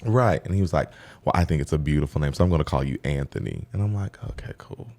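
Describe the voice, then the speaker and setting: A man with a deep voice that has a gravelly, rough edge. His tone is dark and mellow. He tells casual stories with lots of energy, acts out what other people said, and laughs often. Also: quick pace. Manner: animated storytelling, acting out quotes, laughing often. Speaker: hairstylist and podcast co-host. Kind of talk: casual chat.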